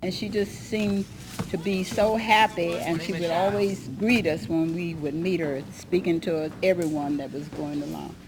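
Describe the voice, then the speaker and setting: An older woman, a former pupil, calmly remembering her school days in an oral history. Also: fairly low pitch, normal speed, a crowd in the background, poor audio.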